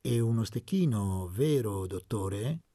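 A man's voice: lowish voice, animated, takes it slowly, mellow, no echo, clean studio sound. A man putting on a mocking toothless old waiter. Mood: teasing. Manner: mock-formal, teasing. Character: toothless older male tavern waiter, mocking joker.

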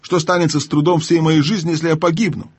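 A man's voice: a little high, little pitch movement, quick pace, slightly rough, no room sound, voice pushed up. A man doing pompous old sorcerer Uncle Andrew. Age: older. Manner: pompous, haughty, lecturing. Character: pompous old male sorcerer-scientist, cowardly and scheming.

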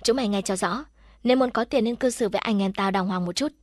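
A woman's voice: mid-range voice, fast, no room sound, studio quality, lightly acted. A woman narrator voicing a defiant young man held captive, speaking firmly. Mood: stern.

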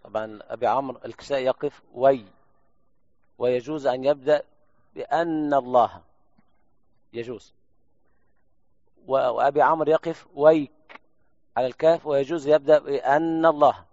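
A man's voice: medium pitch, steady tone, a little mellow, no echo. Male reciter demonstrating readings, dry sound. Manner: slow drawn-out recitation of examples, then brisk explanation. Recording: dry, dull lo-fi recording.

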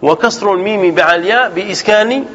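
A sheikh teaching a grammar lesson, explaining slowly and deliberately, repeating points and correcting himself as he goes. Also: sits high, fairly bright tone. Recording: dull lo-fi recording with faint background noise.

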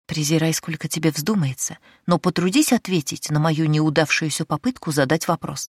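A woman's voice: deep voice, fairly even intonation, normal speed, slightly rough, dry recording, studio quality. A woman voicing a capricious young noblewoman in an audiobook, with a demanding, sarcastic manner.

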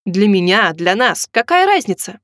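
A woman's voice: fairly high pitch, no room sound, clean studio sound, close to an everyday voice. A woman voicing a pushy young man who keeps pressing for money and takes offence easily, in an audiobook. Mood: resentful. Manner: insistent, quick to take offence. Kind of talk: audiobook reading.

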